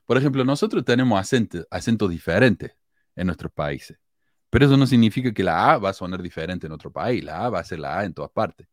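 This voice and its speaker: A man's voice: deep voice, animated, fairly quick, no echo, clean studio sound. A man with an Argentine Córdoba accent hosting a podcast, explaining a topic in a chatty, blunt way with the odd swear word. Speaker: podcast host. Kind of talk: casual explanatory podcast talk.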